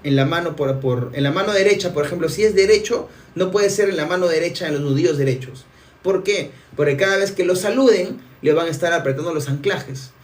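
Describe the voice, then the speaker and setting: Heard through a distant mic, an NLP coach teaches energetically on a live stream, answering viewer comments. His voice is a little high and a little fast, and he often restarts words.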